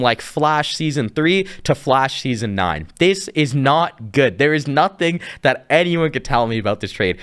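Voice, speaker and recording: A young man from Canada hosting a podcast, giving casual sports commentary with animated, incredulous rants and frequent laughs. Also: medium pitch, clean tone. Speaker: podcast host.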